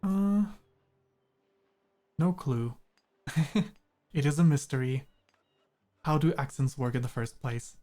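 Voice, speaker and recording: A young German man streams a game and chats casually, his English, spoken as a non-native with German as his mother tongue, carrying a slight British-American mix. His medium-pitched, dark-toned voice is expressive and slow, with long pauses, as he rambles hesitantly and laughs often.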